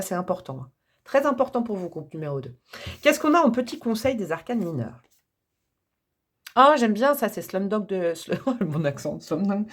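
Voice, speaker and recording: A woman with a French accent giving a casual, chatty tarot reading to her viewers, wandering off on tangents and laughing at herself. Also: mid-range voice. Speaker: tarot reader.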